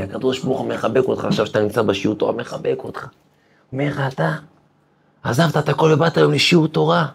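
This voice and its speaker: The man speaks in a mid-range voice with vocal fry and a breathy edge. He's a rabbi giving a weekly Torah lesson with sermon-style urging, building through stories and rhetorical questions to intense peaks.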